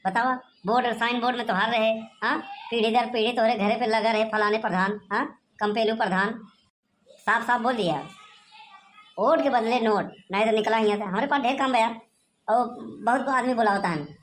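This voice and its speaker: A cunning, haggling villager, voiced by a woman, who sells his vote and nags with endless "haan?" tags. He speaks in a rustic Awadhi accent at a fairly high pitch. Cartoon comedy voicing. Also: steady tone, normal speed, slight background noise, lightly acted. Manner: loud, bargaining, rustic chatter with tag questions. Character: sly haggling village man Banwari. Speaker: villager voter.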